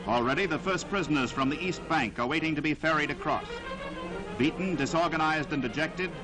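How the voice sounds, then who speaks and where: Over music and with poor audio, a man whose voice sits on the high side delivers narration for a 1940s newsreel with a vintage soundtrack. The style is dramatic and declamatory, each phrase measured and emphatic.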